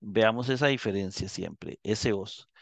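A man teaching a live Greek class, explaining slowly and checking in with his students as he goes. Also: fairly low pitch, vocal fry, no echo. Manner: slow, explanatory, repeats and checks with "¿verdad?".

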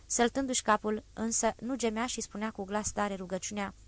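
A woman voicing a grave male exile who recounts an execution in a low, even, measured tone. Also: lightly acted. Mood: somber. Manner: measured, somber retelling.

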